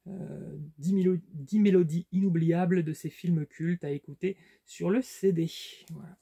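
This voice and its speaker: Hesitant French man, dark husky voice. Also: high voice, steady tone, a little slow. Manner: hesitant, many fillers and restarts. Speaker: collector showing his purchases. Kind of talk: casual unboxing vlog chat.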